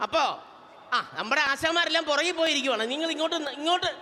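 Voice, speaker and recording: Speaking in an extremely high pitch and at a fast clip, a man fully voices a brash, teasing middle-aged auntie as a stage comedian and emcee. He is loud and bossy, ordering the crowd around and calling people up to the stage in live comedy full of audience banter. The sound comes through a reverberant PA on a convention hall stage.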